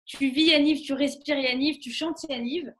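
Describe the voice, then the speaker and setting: A young woman with a high voice co-hosts a radio show. She introduces a guest and leads her with playful, lively questions. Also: moderate pace. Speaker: co-host, columnist. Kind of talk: radio segment, leading an interview.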